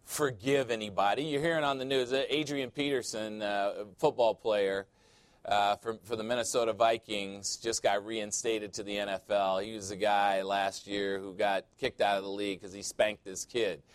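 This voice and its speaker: A man's voice: fairly low pitch, steady tone, normal speed, smooth, dry recording. A male pastor preaching a sermon in a church, joking and conversational with sudden emphatic swings.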